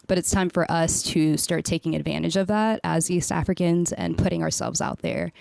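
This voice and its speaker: Low, gravelly woman, earnest. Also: fairly even intonation, normal speed, a little mellow, no echo. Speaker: guest, cultural producer. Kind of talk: casual conversation.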